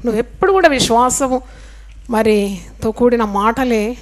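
A woman's voice: on the high side, measured pace. A woman preaching a sermon fervently, asking the congregation questions and answering them herself, often calling out hallelujah. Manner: call-and-response questions to the congregation; fervent, repeats hallelujah and praise to God.

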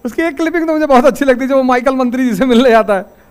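High-voiced man giving a folksy lecture. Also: very fast, smooth. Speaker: civil services exam teacher. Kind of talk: anecdotal classroom lecture. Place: classroom.

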